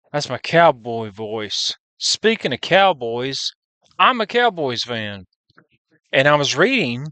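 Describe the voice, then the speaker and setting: A man's voice: mid-range voice, fairly bright tone, no room sound. A man vlogging in a casual, unscripted monologue, rambling and often restarting or correcting himself mid-sentence.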